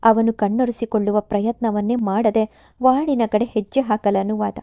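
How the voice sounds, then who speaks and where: A woman telling an emotional story in a steady, expressive storybook reading. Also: fairly high pitch, moderate pace, dry recording, studio quality. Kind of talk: storybook narration.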